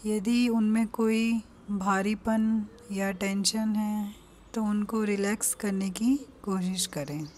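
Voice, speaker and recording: A medium-pitched woman with an Indian accent conducts a guided meditation over slight background noise. Each calm, gentle instruction is followed by a long pause.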